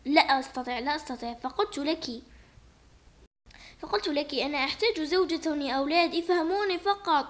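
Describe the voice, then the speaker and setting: A woman voicing a weary widowed father in a doll play, speaking low, soft and pleading. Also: fairly quick, natural voice. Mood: explaining. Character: strict, weary widowed father, middle-aged man. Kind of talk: toy doll play voice acting.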